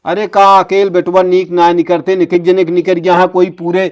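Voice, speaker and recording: A man acts a fed-up village family man in a comedy sketch. He scolds with emphasis in a high male voice and an Awadhi accent. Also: level tone, moderate pace, highs cut off, close to an everyday voice. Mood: scolding. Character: exasperated, proverb-quoting village family man.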